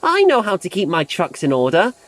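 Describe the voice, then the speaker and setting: A man's voice: high voice, wildly swooping pitch, a little fast, fairly bright tone, pitched above the performer's own voice, heavily acted. A man voicing a small, cocky young male tank engine who talks in a scoffing, boastful way.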